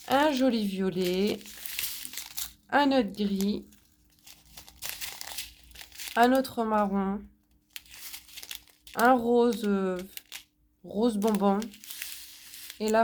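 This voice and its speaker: A French woman talks unhurriedly through a casual crafts haul, pausing often and filling gaps with hesitant sounds. She is sick and a little hoarse, with a mid-pitched voice and a faint hiss of noise behind her. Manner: slow, hesitant, many fillers. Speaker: crafts vlogger.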